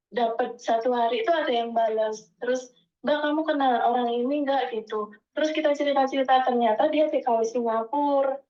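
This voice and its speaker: A woman from Indonesia with a fairly high voice tells her story in an animated way, acting out each exchange as she goes. The sound is dull and lo-fi. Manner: animated, acts out quoted dialogue, keeps addressing the listener as Miss. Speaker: migrant domestic worker telling her story. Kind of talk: emotional first-person storytelling.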